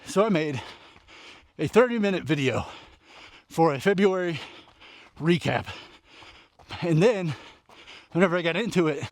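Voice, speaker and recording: Out running at night, a book reviewer vlogger chats casually about books in short, breathless phrases, recapping what he's read. His voice is on the high side, animated and unhurried, yet the sound is clean studio quality with no echo.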